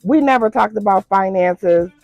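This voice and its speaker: A woman's voice: medium pitch, moderate pace, darkish tone, no room sound, soft background music. A woman telling a personal story to her viewers in a casual, chatty way, calling them girl and y'all. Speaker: storytime vlogger.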